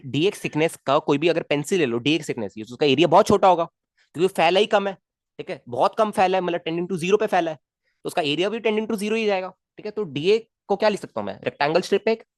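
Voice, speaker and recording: A man teaches physics to students in a live online class. His voice swings up and down with lively pitch as he coaxes them, repeats himself and checks they follow. The sound is dry and close, with no room echo. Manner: coaxing, repetitive, checks in with students often.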